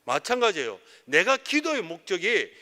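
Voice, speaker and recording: A middle-aged male pastor delivers a sermon in a church sanctuary, his bright, forceful voice sitting a little high. At normal speed and with huge swings in pitch, he poses rhetorical questions and answers them himself, while the hall adds a long reverb.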